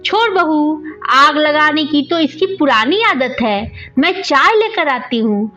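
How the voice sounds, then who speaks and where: A woman's voice: high voice, expressive, takes it slowly, bright, forceful tone, heavily acted. A woman reading the part of a kindly, doting older mother-in-law, coaxing and affectionate, in a storybook narration. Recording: dull lo-fi audio with faint music.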